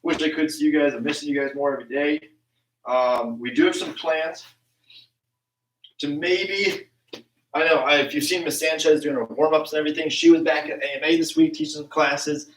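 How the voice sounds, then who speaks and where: A young man teaches a martial arts class by live stream from his home basement, talking casually and chattily with lots of ums. His fairly high voice is steady at a normal speed. The room echoes and he's far from the mic.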